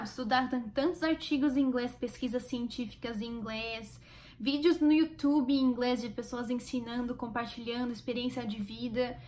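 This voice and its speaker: A Brazilian woman with a high voice talks straight to her viewers in a casual vlog. She is chatty and encouraging, with a Brazilian Portuguese accent. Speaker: vlogger.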